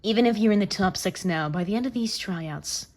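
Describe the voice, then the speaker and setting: A woman's voice: medium pitch, brisk, close to an everyday voice. A woman voicing a stern, scheming male football coach who speaks in a cold, blunt, commanding way during a manga reading.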